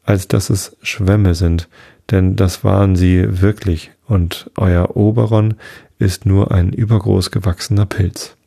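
Guy doing a cocky young fella teasing, low and creaky. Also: fairly even intonation, takes it slowly, dark tone, dry recording, studio quality, exaggerated voice. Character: cheeky young man, mocking, fearless.

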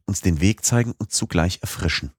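A man voicing an excitable older professor with a brisk, lecturing manner in an audiobook. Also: deep voice, husky, no echo, clean studio sound. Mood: eager. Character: excitable older male professor, eager and commanding. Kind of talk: audiobook character voice.

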